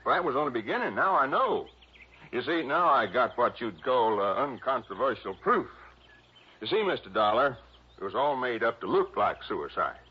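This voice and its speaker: An actor playing a stubborn, cocksure police chief of about fifty in a radio drama, a man with a rural American accent and a husky, stammering drawl. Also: mid-range voice, sing-song, normal speed. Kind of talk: old-time radio drama acting. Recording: dull old radio recording.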